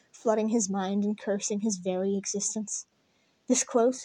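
A woman reads a story aloud in a soft, mellow voice with little rise or fall. Her narration is even and unhurried. The recording is dry and close, with no room sound. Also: mid-range voice, no room sound. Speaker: reader. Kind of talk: fan fiction read-aloud.

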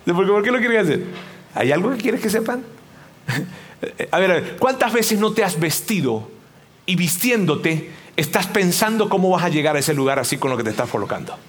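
Preacher, male, animated, rhetorical, higher register. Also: normal speed, slight background noise. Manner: animated, rhetorical questions, acts out voices. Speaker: pastor. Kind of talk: sermon.

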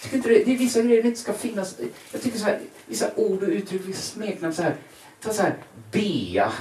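Lively man ranting through a stand-up set. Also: high voice. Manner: ranting, exaggerated indignation. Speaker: stand-up comedian. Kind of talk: stand-up routine. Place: bar stage. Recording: echoey, distant live recording with loud noise.

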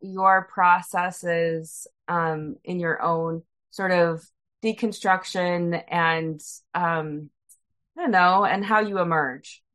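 A woman's voice: fairly low pitch, fairly even intonation, slow, fairly bright tone. A woman interviewing a guest, hesitant and searching for words as she asks.

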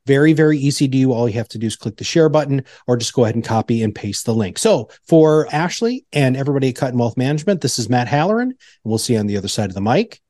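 A man's voice: mid-range voice, lively intonation, quick pace, few pauses, darkish tone, no room sound. A man speaking as a podcast host, with a polished announcer delivery. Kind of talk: podcast hosting and scripted outro narration.

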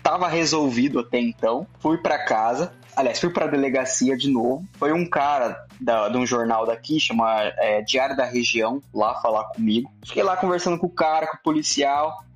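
A young man casually telling a story in lively slang, acting out the other people's lines. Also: mid-range voice, normal speed, hardly any pauses, soft background music. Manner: animated slangy storytelling, acts out voices. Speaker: storyteller guest.

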